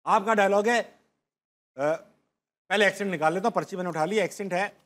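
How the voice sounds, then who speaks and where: A male comedy talk show host in a TV studio, chatty and quick to laugh, explaining a game at length. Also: high voice, a bit bright. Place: TV studio with a live audience.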